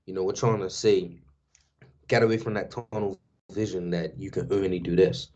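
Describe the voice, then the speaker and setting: A man's voice: low-pitched, level tone, moderate pace, a little mellow. A Bermudian man guesting on a talk show, chatting in a loose, street-casual way. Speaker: guest, DJ and culture worker. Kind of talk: casual podcast chat. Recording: dull lo-fi sound.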